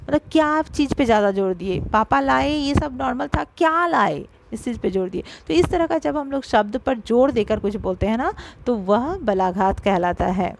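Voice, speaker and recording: A fairly high-voiced woman teacher walks her pupils through a grammar lesson. She explains patiently, speaks to them directly and slows down to break sounds apart. The recording has clear background noise. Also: lively intonation, a little mellow. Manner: explanatory, addresses pupils directly, stresses syllables slowly.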